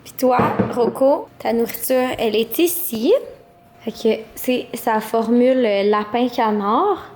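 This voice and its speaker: Young female vlogger, Quebec accent, higher-pitched, informal and slangy, noisy home audio. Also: a little slow, a little mellow, echoey room. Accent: Quebec French. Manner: informal, chatty, peppered with slang. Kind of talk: casual vlog chat. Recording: clearly noisy home vlog audio, clicks.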